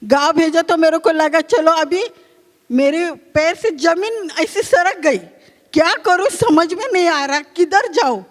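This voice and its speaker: High-voiced woman in an echoing hall. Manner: halting, repetitive, often asking herself what to do. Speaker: conclave speaker sharing a personal story. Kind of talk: first-person testimony. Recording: long hall reverb.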